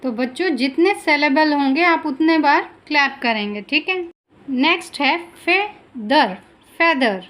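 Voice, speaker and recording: A woman teaching a children's English lesson, reading English lines slowly and carefully, then explaining them in Hindi. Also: high-pitched, fairly bright tone.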